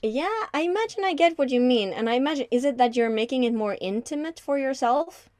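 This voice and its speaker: A woman who works as a voice-over artist and coach, talking in a warm, reflective way in casual conversation. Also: high-pitched, animated, brisk, no room sound, studio quality. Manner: warm, reflective, laughs easily.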